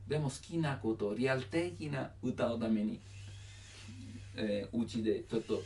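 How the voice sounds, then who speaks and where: A man's voice: mid-range voice, expressive, normal speed, mellow, distant mic. A man with an Italian accent, a native Italian speaker, explains song lyrics as a language teacher, in simple broken phrases and with sung examples.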